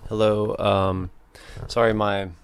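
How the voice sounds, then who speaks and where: A man's voice: lowish voice, little pitch movement, slow, vocal fry, smooth. A man hosting a casual solo book discussion. He thinks aloud and hesitates, correcting himself as he talks into a battery-powered microphone. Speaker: podcast host.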